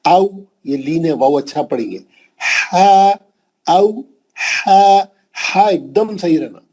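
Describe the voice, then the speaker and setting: A man's voice: mid-range voice, dark tone. A middle-aged man with a Hyderabadi Urdu accent teaching Quran pronunciation in an online class, patiently repeating letters and correcting students. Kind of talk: online tajweed lesson, slow drilled recitation. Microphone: online class call.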